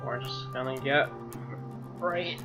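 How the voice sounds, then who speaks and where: A medium-pitched man speaks at a slow pace while hosting a game stream with music behind him. He chats casually, reads out narration and mutters offhand remarks.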